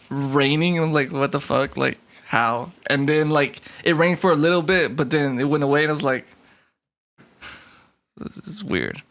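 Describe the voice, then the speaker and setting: A man co-hosting a podcast in casual chat, relaxed and quick to laugh, but firm when he makes a point. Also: fairly high pitch. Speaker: podcast co-host.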